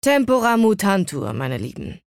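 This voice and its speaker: A woman voicing a calm, weary middle-aged father who speaks in a measured, resigned way in an audiobook. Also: mid-range voice, vocal fry, no room sound, studio quality.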